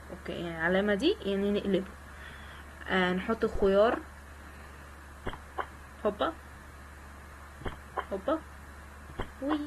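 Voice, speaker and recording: A woman's voice: medium pitch, slight background noise, poor audio. A woman with an Egyptian Arabic accent giving casual, joking let's-play commentary and chatting with her viewers. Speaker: gaming channel host.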